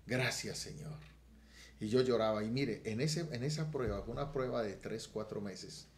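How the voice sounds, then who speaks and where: A middle-aged man, a pastor giving an earnest testimony on a podcast that swells loud and emotional. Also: lowish voice, reverberant. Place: podcast studio room.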